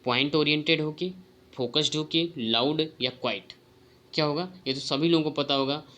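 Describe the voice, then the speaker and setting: Bright-voiced man teaching exam prep. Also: fairly high pitch, normal speed.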